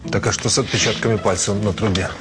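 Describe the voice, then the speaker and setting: A businesslike, questioning police officer, played by a man, speaks in a fairly low voice. Music is clearly audible behind him in this crime drama. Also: fairly even intonation, quick pace, close to an everyday voice. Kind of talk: screen crime drama acting.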